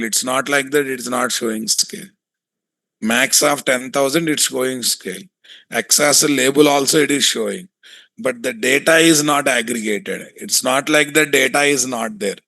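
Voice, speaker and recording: A man with a Telugu Indian accent giving a hands-on software tutorial, thinking aloud, repeating himself and often putting questions to his students. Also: mid-range voice, gravelly, dry recording, low-quality recording. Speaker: software testing instructor.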